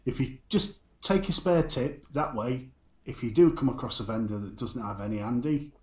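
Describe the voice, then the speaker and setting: A man's voice: mid-range voice, normal speed, echoey room, lo-fi sound. A man, co-hosting a casual podcast chat with a dry, teasing manner. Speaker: co-host.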